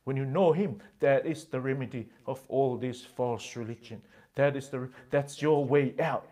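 A man preaching a sermon as pastor, impassioned, with slow, emphatic phrases that swing between loud and hushed. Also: mid-range voice.

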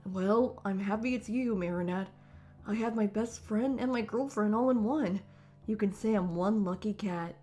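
A woman's voice: medium pitch, measured pace, dark tone, faint music behind, natural voice. Woman voicing Chat Noir, an earnest teenage boy hero. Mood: affectionate. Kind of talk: fan comic dub acting.

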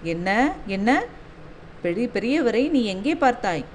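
A woman doing a gruff, commanding old fort commander. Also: on the high side, sing-song, takes it slowly, a little hiss or hum. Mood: startled. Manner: commanding, brusque questions. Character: proud older male fort commander, gruff and imperious.

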